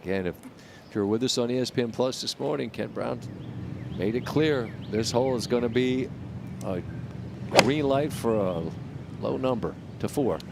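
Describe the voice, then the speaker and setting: A man working as a golf commentator, calling live tournament play in measured, clipped phrases with wry, understated asides. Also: medium pitch. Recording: clear outdoor ambient noise behind voice.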